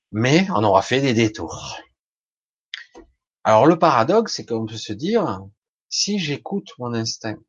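A man's voice: medium pitch, a bit bright, husky, no echo, lo-fi sound. A man giving an informal motivational talk straight to the listener, colloquial and blunt, with mild swearing.

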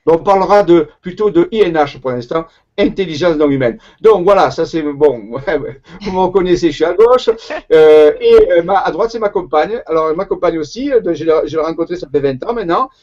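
A researcher from Marseille in southern France appears as a guest in a conversational interview, his accent clearly Marseillais. His fairly high, darkish voice is animated and brisk, though he hesitates a lot, full of fillers and restarts. The audio sounds dull.

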